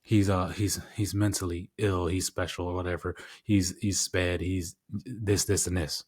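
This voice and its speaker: A man's voice: deep voice, little pitch movement, unhurried, slightly rough. A married man hosting his podcast, telling a story in a casual, rambling way with repeated phrases and casual swearing. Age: adult, married with daughters. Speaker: podcast host.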